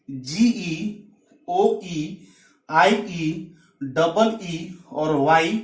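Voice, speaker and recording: A teacher giving a phonics lesson, explaining step by step and spelling words out letter by letter. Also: mid-range voice. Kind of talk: classroom-style phonics lesson. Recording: echoey room, mic at a distance.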